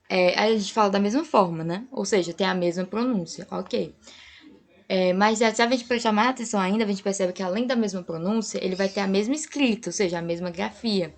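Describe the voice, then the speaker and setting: A woman's voice: medium pitch, creaky. A young woman teacher giving a patient online grammar lesson, often checking in with her students. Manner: patient, explanatory, frequent "tá?" checks. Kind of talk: online class lecture.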